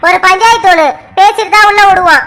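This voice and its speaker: Casting: woman playing a bossy elder sister in a village cartoon, very high and bright voice, lecturing tone. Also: fast. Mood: stern. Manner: scolding, lecturing. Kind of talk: cartoon voice acting.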